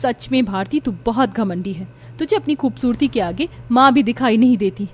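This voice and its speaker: A woman voicing a kind, patient elder sister in a storybook, earnest and gentle. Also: fairly high pitch, moderate pace, lightly acted. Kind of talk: storybook voice acting.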